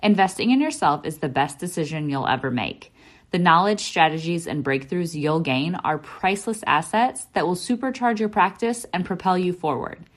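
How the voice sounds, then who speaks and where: A woman's voice: fairly low pitch, lively intonation, normal speed. A woman reading a scripted promo in an upbeat, salesy way. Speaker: ad announcer.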